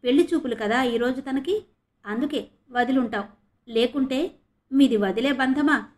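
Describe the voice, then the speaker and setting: A woman reading as a scheming young man with a sneering, needling way of talking, his voice a touch higher than the narrator's own. Heard in an audio novel reading, he lays on the mockery. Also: moderate pace, a little mellow, close to an everyday voice. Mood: taunting.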